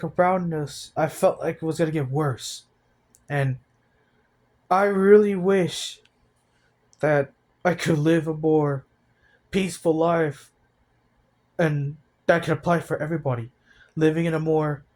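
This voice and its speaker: Young man, eighteen, fairly high voice, personal vlog, halting, downcast, many restarts. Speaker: vlogger.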